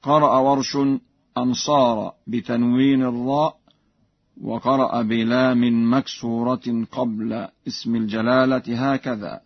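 A man teaching Quran recitation. He gives measured explanations, then chants the examples slowly and melodically. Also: mid-range voice, level tone, no room sound, highs cut off.

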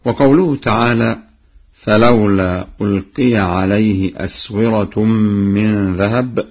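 A man teaching the readings of the Quran, explaining each variant plainly and then chanting the verse slowly to demonstrate it. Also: fairly low pitch, slightly rough, muffled recording. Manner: alternates plain explanation with slow chanted recitation.

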